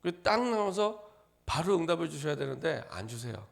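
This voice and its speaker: Korean pastor guy, early morning sermon in church, kinda high voice with lots of gravel, leans hard on the verses then just chats. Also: very animated, moderate pace. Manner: tells a personal story in a conversational tone. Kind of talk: dawn sermon with scripture reading.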